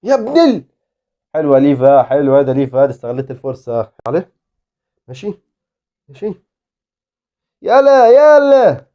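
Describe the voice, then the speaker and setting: A man with an Egyptian Arabic accent, giving excitable live commentary on his own football game as a gaming YouTuber. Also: mid-range voice, brisk, long pauses, dull audio. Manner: excitable, exclaiming and pleading at the game.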